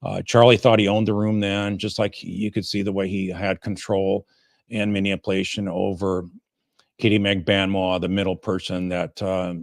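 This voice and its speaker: Low-voiced man in halting legal commentary. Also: flat delivery, vocal fry, no room sound, clean studio sound. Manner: halting, informal, rambling delivery. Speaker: host, defense lawyer commenting on a trial. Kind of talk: livestream legal commentary with audience questions.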